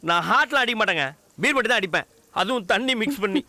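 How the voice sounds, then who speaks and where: A man's voice: sits high, lively intonation, fast, pushed and bright, full character voice. An actor playing a shy, joking young man in a film comedy, talking in bashful, playful banter. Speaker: young man Maanik, comic lead. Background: film music score.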